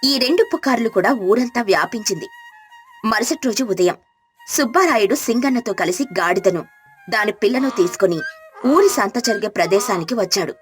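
A woman narrating a village moral story in a scripted storybook style, with clear, even delivery. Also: medium pitch, moderate pace, faint music behind.

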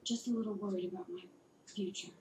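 A woman's voice: mid-range voice, steady tone, quick pace, reverberant, noisy background, lightly acted. An actress playing an anxious, earnest, introspective teenage girl in a video game, understated and uneasy. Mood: uneasy, evasive.

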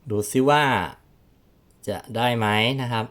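A man's voice: medium pitch, takes it slowly. A man from Thailand hosting a casual step-by-step phone tutorial, chatty and polite. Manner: chatty, polite, many ครับ and ฮะ particles. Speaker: tech tutorial host.

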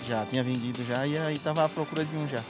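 A man's voice: mid-range voice, steady tone, fast talker, music in the background. A man with a Brazilian accent chatting casually as an interviewed prize winner. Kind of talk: casual chat.

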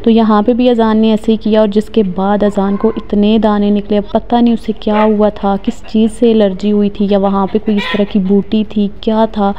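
Woman from Pakistan, casual vlog, phone at arm's length, outdoors, even tone, dull lo-fi audio. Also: medium pitch, normal speed, few pauses, slight background noise. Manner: chatty, reminiscing, many fillers. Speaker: vlogger. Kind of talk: casual walking vlog narration. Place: outdoors in a mountain village. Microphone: phone held at arm's length.

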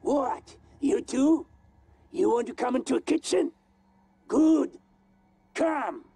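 An actor playing an unhinged, paranoid man who taunts from hiding in a video game, with a creaky voice and erratic muttering. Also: very high-pitched, lively intonation, slow, warm tone, dry recording, exaggerated voice. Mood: scornful.

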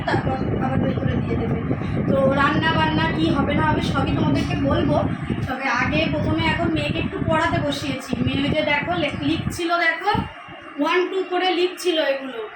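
A young woman chatting to viewers in a home vlog, her voice hoarse as she cooks in the kitchen. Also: sits high. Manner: chatty, addresses viewers directly. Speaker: vlogger. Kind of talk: casual home vlog narration. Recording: echoey room with household noise.

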